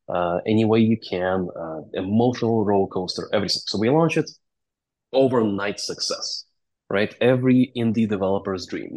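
This man, a low-voiced game company founder and CEO whose first language is Russian or Latvian, tells stories conversationally as a guest in an interview. The recording quality is low.

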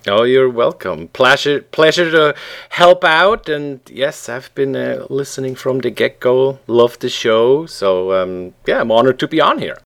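A middle-aged man from Switzerland, a guest on a podcast, talking in a relaxed way and often pausing with ums as he looks for words. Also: mid-range voice, gravelly. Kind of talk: casual interview conversation.

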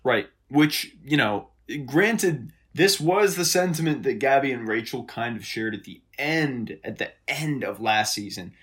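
A man's voice: medium pitch, lively intonation, a little slow, few pauses, fairly bright tone. A male podcast co-host riffing in a loose, casual chat. His voice sits in an ordinary middle range, and he swears freely and keeps calling his partner dude. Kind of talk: casual comedic recap chat.

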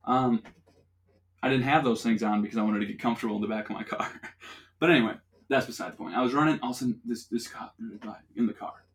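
On his podcast, a young man rattles off a meandering, expletive-filled story in casual conversation, frequently breaking into laughter. He talks fast in a medium-pitched voice.

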